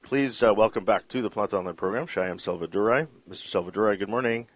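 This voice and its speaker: A man's voice: fairly low pitch, fast, dry recording. A male radio interview host who reads a formal introduction and asks questions, stammering often. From Canada.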